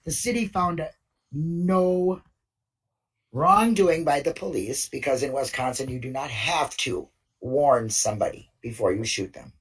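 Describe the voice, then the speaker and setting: A woman's voice: a bass voice, a little slow, breathy edge, recorded from a distance, poor audio. A woman in a casual open mic discussion, telling a story in an indignant way with many fillers. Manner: indignant, retells events with lots of fillers.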